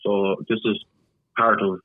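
A man's voice: lowish voice, level tone, a little slow, dry recording. A man with an Irish accent, a podcast guest talking bluntly in casual conversation, swearing now and then. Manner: blunt, swears, repeats words. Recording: tinny phone-line sound.

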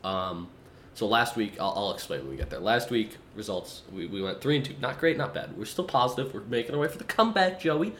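Low-voiced guy hyping up his cohost, joking around on a video call podcast, faint hiss. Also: fairly quick. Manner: excitable, teasing, calls his co-host by name often. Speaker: podcast co-host. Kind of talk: casual chat.

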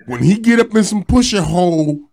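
Lively man in loud crude banter. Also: sits high, a little fast, creaky. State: high. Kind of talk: casual chat.

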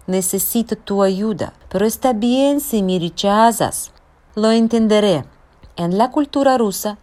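Brief: woman teacher, low voice with lively melody, unhurried and deliberate. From Russia. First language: Russian. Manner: careful, deliberate explanation with spoken examples. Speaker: Russian language teacher. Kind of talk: explaining a language lesson.

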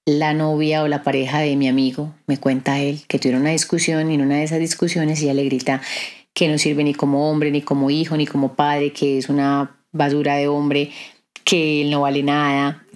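A woman, hosting a reflective podcast monologue and asking her listeners rhetorical questions. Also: low-pitched. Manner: conversational, preachy, asks listeners rhetorical questions. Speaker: podcast host.

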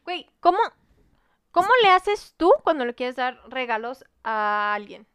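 Young Mexican woman, podcast co-host, crisp voice a touch high, slangy storyteller. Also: measured pace, no room sound, studio quality. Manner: animated storyteller, peppers speech with slang and swearing. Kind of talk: casual chat.

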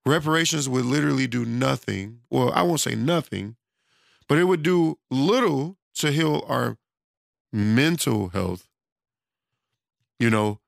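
A mid-range male voice with lively intonation and vocal fry moves a little slowly, with long pauses and no echo. He's a self-employed American with a studio who is losing his voice, and his casual monologue rambles, stalling on fillers and restarts.

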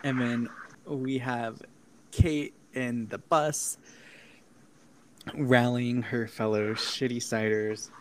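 A man's voice: mid-range voice, slow pace, long pauses, rough recording. A man casually recapping a horror film with a co-host, swearing often and laughing between lines. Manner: animated, profane, laughs often. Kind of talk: casual chat, recapping a movie.

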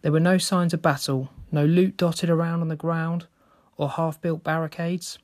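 A man narrating a first-person story in a steady, measured reading. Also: on the high side.

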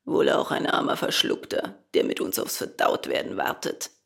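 A woman voicing a calm, resigned old male dolphin with a hoarse voice. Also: close to an everyday voice. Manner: calm, unhurried.

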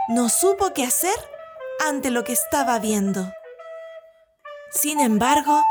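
Woman storyteller, expressive storybook narration, unhurried, slightly high voice. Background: soft background music.

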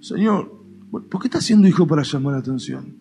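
A male pastor with an Argentine Spanish accent preaches in a lively, conversational way, slipping into quick mock dialogues. His voice sits a little high and swings up and down a lot. Soft music plays faintly underneath. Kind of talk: sermon. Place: church.

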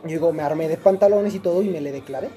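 Young man, Mexican accent, casual storytelling, slangy, restarts, rapid talk, faint music behind. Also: a little high, warm tone. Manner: rambling, slangy, many restarts.

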